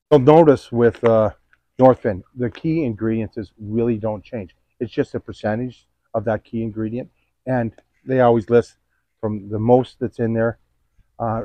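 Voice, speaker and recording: Hoarse older man with a low voice. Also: dry recording. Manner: halting, pauses mid-sentence to find words. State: hoarse from a cold, voice cracking upward. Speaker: pond keeper reviewing fish food. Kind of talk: casual product review. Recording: dull lo-fi, dry sound.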